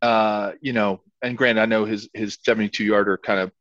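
A man's voice: lowish voice, little pitch movement, a bit bright, no echo. A man co-hosting a football podcast, giving casual commentary in an emphatic, repetitive, stop-and-start way. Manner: emphatic, repetitive, halting phrasing. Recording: dull, slightly lo-fi sound.

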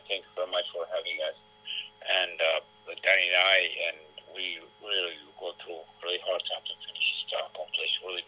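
Deep-voiced Ethiopian man, bright tone. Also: low-quality recording. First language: Amharic. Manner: halting, repetitive phrasing in a second language. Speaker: boxing coach. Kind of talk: casual interview talk.

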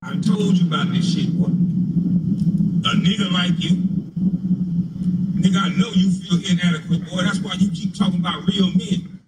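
A man's voice: sits high, steady tone, brisk, darkish tone, low-quality recording. A man in his forties in a profane, mocking, taunting rant. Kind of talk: heated rant.

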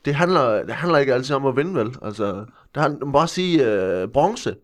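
A guest in his thirties plays an earnest workshop leader preaching crude national pride in a deadpan comedy interview, hesitant and full of fillers. His medium pitch sounds close to an everyday voice.

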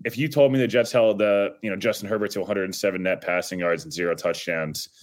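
Low-voiced man talking football. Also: steady tone, quick pace. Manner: conversational, reasoned, laughs easily. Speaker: podcast guest. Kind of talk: casual sports analysis chat.

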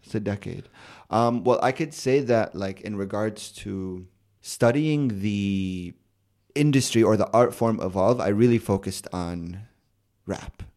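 A man in his twenties from the United States, a rapper and poet, talks casually in an interview in a lowish voice, a little slowly. He sounds relaxed and keeps repeating words and fillers, with lots of "like" and "yeah, yeah."

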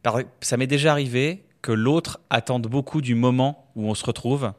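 A man from France with a French accent, a comedian guest chatting in a relaxed way and laughing easily. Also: medium pitch, normal speed. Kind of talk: casual conversation.

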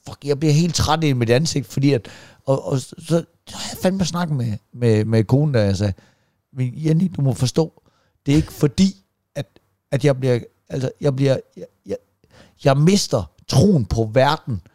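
A middle-aged man co-hosting a podcast in casual chat, swearing and ranting with animated energy. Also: medium pitch, no echo, clean studio sound. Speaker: podcast co-host.

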